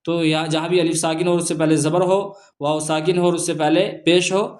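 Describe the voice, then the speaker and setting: A man teaching Quran reading, spelling out letters and vowel marks slowly, then explaining the rules quickly. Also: a little high, level tone. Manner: slow chanted recitation of syllables, brisk explanations between.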